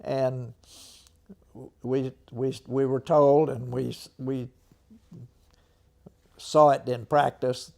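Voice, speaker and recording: An American man in his nineties, an old veteran remembering the war in an interview, speaking haltingly with frequent throat clearing. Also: mid-range voice, flat delivery, dark tone. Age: 90s.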